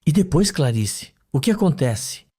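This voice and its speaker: A man reading the lines of a doctor who guides a patient through hypnosis in a soft, calm, encouraging voice, for a soap opera recap. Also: a little high, a little slow, slightly rough, heavily acted. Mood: soothing. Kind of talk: read-aloud soap recap.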